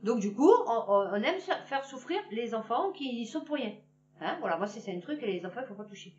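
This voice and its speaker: A woman's voice: on the high side, animated, fairly quick, a little mellow. A woman giving a blunt, heated opinion in casual slang, repeating her phrases for emphasis. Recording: muffled, from a distance.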